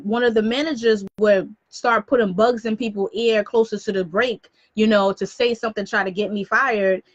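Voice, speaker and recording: A woman in her thirties from New York City, a business coach chatting on a live stream in a quick, sassy way full of slang asides. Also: on the high side, fairly bright tone, no echo, lo-fi sound. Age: 30s. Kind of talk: casual live-stream talk.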